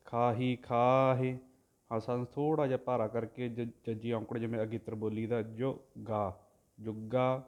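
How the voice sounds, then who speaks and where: A man teaching careful recitation of scripture, chanting each verse slowly and loudly, then quietly explaining the pronunciation of each syllable. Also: medium pitch. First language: Punjabi. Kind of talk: line-by-line recitation lesson.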